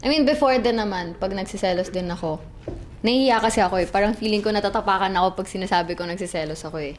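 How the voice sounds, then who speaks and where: Filipino female host, casual chat, mid-pitch voice, faint hiss behind. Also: quick pace. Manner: attentive listener, frequent short backchannels. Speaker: podcast host.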